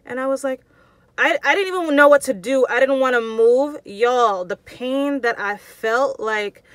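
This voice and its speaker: A woman talks straight to camera in a storytime vlog, loose and slangy and full of expression. Her voice sounds bright and forceful. The sound is dry and close. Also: high-pitched, a little slow, no room sound. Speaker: vlogger telling a personal story. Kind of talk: casual storytime chat.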